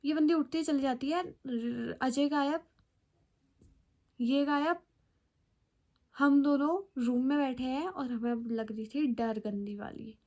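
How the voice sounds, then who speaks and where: A woman's voice: sits high, slow, long pauses, a little mellow. A young woman, casually telling a dramatic personal story with many fillers. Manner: chatty, dramatic retelling with fillers.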